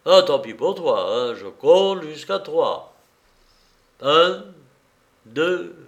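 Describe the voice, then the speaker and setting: A man voicing a rough police officer who gloats and threatens, in an audiobook reading. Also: mid-range voice, animated, unhurried. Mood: gloating, menacing. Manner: gruff and mocking.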